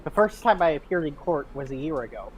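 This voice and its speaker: A woman voicing a young female rookie defense lawyer, earnest and nervous but determined, a little halting. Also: sits low, big pitch swings, soft background music. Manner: earnest, halting when flustered.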